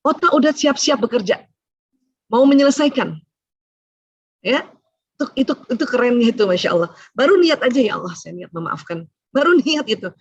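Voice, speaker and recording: A middle-aged woman doctor giving a chatty seminar talk to women, often adding "ya" as she explains, with sudden rises and hushed asides. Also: mid-range voice, no room sound, muffled recording. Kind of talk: seminar lecture to a women's audience.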